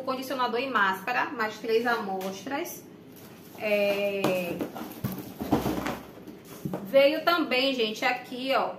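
Bright-voiced chatty young woman from Bahia. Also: fairly high pitch. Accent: Bahian Brazilian Portuguese. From Brazil. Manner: chatty, addresses viewers often. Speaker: vlogger. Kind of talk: casual unboxing chat. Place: small room indoors, plain wall. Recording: echoey room, faint background noise.

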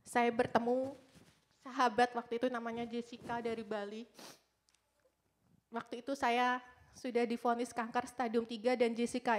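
High-voiced woman giving an emotional testimony. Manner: dramatic, swings from hushed whispers to loud cries. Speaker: testimony speaker.

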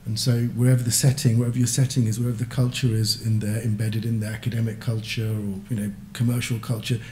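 A man's voice: mid-range voice, mellow, echoey room, slight background noise. A man moderating a panel discussion from a lectern, conversational with frequent fillers. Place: conference auditorium, standing at a lectern. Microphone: lectern microphone.

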